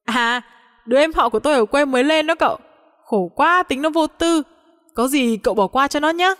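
A woman's voice: high-pitched, a bit bright, in a large hall, pitched above the performer's own voice. Woman doing a flustered young man. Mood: evasive. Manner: nervous, hurried deflecting.

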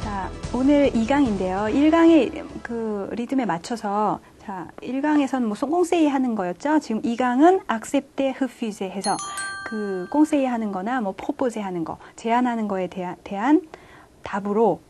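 A woman teaching a French conversation lesson, explaining patiently and reading example sentences slowly. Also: fairly high pitch, lively intonation, music in the background. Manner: explains patiently, starting phrases with "자". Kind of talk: online language lecture.

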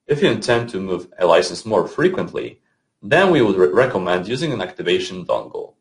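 Low, lively man explaining software steps. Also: brisk. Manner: clear step-by-step instruction with small slips. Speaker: software support instructor. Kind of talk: scripted tutorial voice-over.

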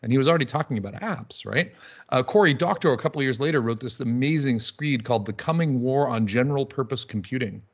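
A man's voice: mid-range voice, quick pace, muffled recording. A man speaking as a panelist on a video call, talking in a witty, conversational way with fillers. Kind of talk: conference talk on a video call.

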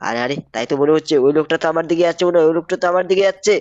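Fast-talking excitable young male gamer. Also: fairly high pitch, no room sound, lo-fi sound. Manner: excitable, repeats phrases, addresses viewers. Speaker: gaming YouTuber. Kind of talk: excited gameplay commentary.

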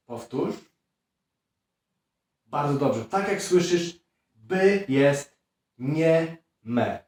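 Slow man teacher in echoey room. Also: fairly high pitch, a little mellow. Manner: slow, clear drilling of words with repeat-after-me prompts. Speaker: English teacher. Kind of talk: pronunciation lesson. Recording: very echoey room, heard from a distance.

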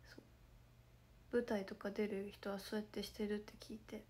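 A young woman with a hoarse voice chatting casually to fans on a livestream, talking softly and often slipping into a whisper. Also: mid-range voice, flat delivery, fairly quick. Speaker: idol group member streaming to fans.

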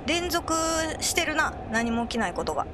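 A woman commentating on a horror game as she plays, excitable and prone to crying out when scared. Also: on the high side, normal speed, background noise. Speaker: video game player.

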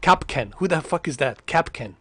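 Here the thirties-aged streamer sounds a little high and expressive, with a fairly bright tone and a breathy edge, talking at a moderate pace. Playing from home into a large foam headset mic, he jokes, swears and teases his chat in casual commentary.

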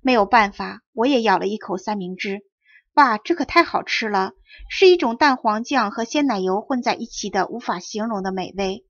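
Woman storybook reader, expressive, dull-sounding dry audio. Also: medium pitch, normal speed, dry recording. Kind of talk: storybook narration. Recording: dry dull close recording.

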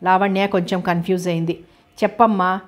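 A woman's voice: lowish voice, brisk. Woman reading a novel aloud. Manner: reads every character's lines herself in an even storytelling voice. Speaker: audiobook narrator. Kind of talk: audiobook narration of a novel.

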